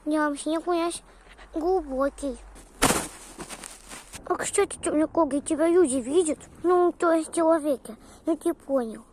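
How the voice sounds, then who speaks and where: A playful corgi puppy acted out by a woman chatters in a high, childlike voice. The talk rambles and turns singsong, like a homemade pet vlog, with slight noise in the recording. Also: measured pace, darkish tone. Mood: chatty, pleading. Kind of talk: improvised pet role-play vlog.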